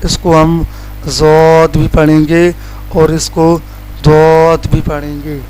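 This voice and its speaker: Male qaida teacher from Pakistan, monotone and slightly high, drawls out letter sounds, faint music behind. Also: poor audio. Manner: drawls out each letter slowly as a model; plain explaining teacher tone. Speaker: Quran recitation teacher. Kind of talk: letter-by-letter pronunciation lesson.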